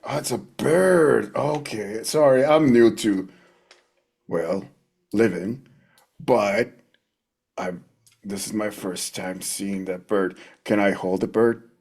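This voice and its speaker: A man playing a tabletop role-playing game, improvising casually in short, halting replies. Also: lowish voice, vocal fry, a little mellow, husky.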